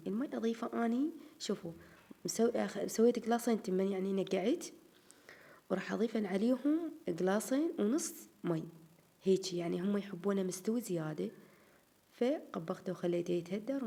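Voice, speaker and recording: A home vlogger with an Iraqi Arabic accent casually narrates her routine around the house, chatting to her viewers and calling them "girls." Her voice is mid-range with a dark tone and sounds a bit tired and strained.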